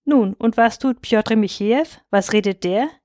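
A woman's voice: a little high, normal speed, mellow, dry recording, studio quality, natural voice. A woman doing a scornful, bullying male steward. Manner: scornful, taunting. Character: mocking, domineering male estate steward.

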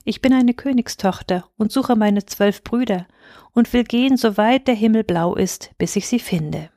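A woman's voice: on the high side, moderate pace, dark tone, no room sound, studio quality, close to an everyday voice. A woman voicing a brave young princess devoted to her brothers in a fairy tale reading. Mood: earnest.

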